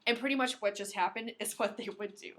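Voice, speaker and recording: Speaking fast with fairly even intonation, a medium-pitched woman reads a novel aloud on the podcast she co-hosts. She banters casually and plays around, giving the reading a dramatic flair.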